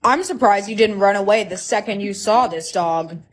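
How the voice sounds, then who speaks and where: A woman's voice: mid-range voice, moderate pace, voice pushed down, close to an everyday voice. A woman voicing Jack, a helpful, easygoing teenage boy with a casual, friendly manner.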